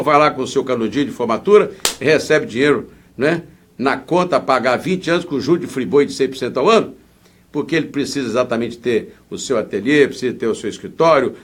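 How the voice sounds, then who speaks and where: A political candidate with a Brazilian Portuguese accent speaks in an interview at a medium pitch, sounding indignant, emphatic, and rambling.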